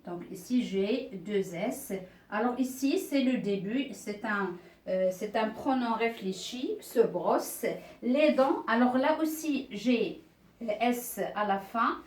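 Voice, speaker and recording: A woman teaching a beginner French reading lesson, explaining slowly and patiently, often pausing with "euh" and asking the class to look. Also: fairly high pitch, a little mellow, echoey room, recorded from a distance, slight background noise. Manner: slow, patient explaining with many "euh" and "regardez".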